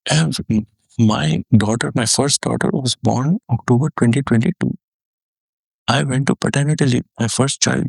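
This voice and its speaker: A man in his thirties giving an explanatory tech talk, conversational with restarts and fillers, getting animated as he explains. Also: creaky, slightly rough, dry recording. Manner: animated, rising pitch when excited.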